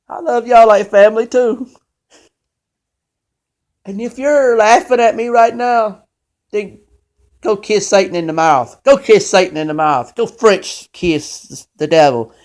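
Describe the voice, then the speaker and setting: Preachy man, slightly high voice. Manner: preachy, emphatic, scolding. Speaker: show host. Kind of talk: impassioned faith monologue.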